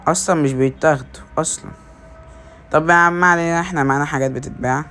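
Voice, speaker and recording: A man with an Egyptian Arabic accent giving casual gameplay commentary, excitedly calling out to his teammates and teasing them. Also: a little high, racing, a little hiss or hum. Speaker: gaming video creator.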